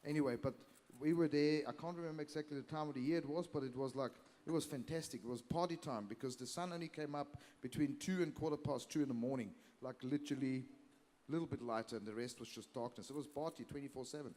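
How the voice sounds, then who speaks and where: A man's voice: medium pitch, fast talker, darkish tone. A middle-aged man hosting a live cooking session in a convention hall, chatty and teasing. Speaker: host of cooking demo sessions. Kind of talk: casual live event hosting. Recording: hall reverb.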